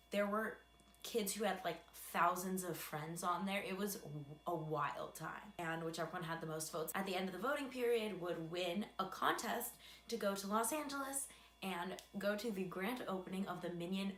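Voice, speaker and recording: A woman's voice: mid-range voice, a bit bright. A young adult American woman telling a casual personal story in a chatty, self-deprecating way with dry asides. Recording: echoey room with faint background hum.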